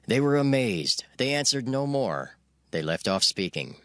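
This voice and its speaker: A man narrating scripture from a script in a measured, formal storytelling manner. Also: mid-range voice, big pitch swings, fairly bright tone, no room sound, studio quality.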